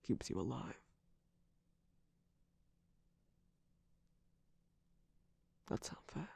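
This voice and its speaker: A man voicing a sly, distrustful jester cookie villain in an intimate ASMR roleplay, teasing and theatrical in a breathy, husky, often whispered voice close to the microphone. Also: brisk, darkish tone, dry recording, lightly acted. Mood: grudging, confiding. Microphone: close-up microphone, dry.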